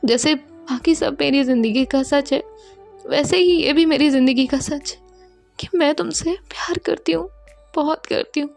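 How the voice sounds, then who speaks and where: A woman voicing a tender young woman who soothes her lover in a soft, hushed, half-whispered voice. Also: high-pitched, a little slow, gravelly, soft background music, pitched above the performer's own voice. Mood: tender confession.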